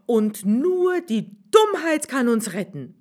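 A woman's voice: on the high side, sing-song, slow, darkish tone, voice pushed up, full character voice. A woman reading a storybook aloud, voicing a clever male swineherd who explains his plan eagerly.

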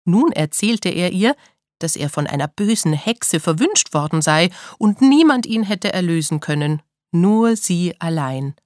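A woman reading a fairy tale aloud in a clear, expressive way. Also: fairly low pitch, unhurried, dry recording, studio quality. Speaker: storyteller. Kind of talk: storybook reading.

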